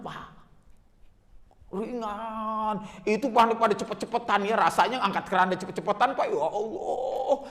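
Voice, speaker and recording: A man with a rather high voice delivers a religious lecture, telling vivid stories and addressing his listeners as sir again and again. His voice carries a long reverb, as if recorded in a large hall. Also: a bit bright. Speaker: religious teacher.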